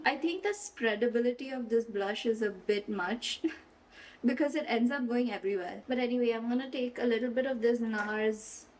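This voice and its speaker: With a voice on the high side and a little mellow, a young woman does her makeup on camera, giggling and chatting casually in a get-ready-with-me vlog. She mixes a playful fake British accent into her own. Rain and traffic can be heard outside, and the distant-mic recording is rough.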